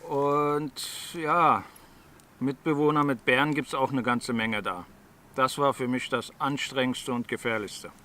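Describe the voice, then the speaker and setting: A man from Berlin, a touring cyclist, speaking in a deliberate way. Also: mid-range voice, fairly even intonation, pushed and bright. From Berlin, Germany. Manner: slow, deliberate. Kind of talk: interview recollection. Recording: distant from mic, faint music.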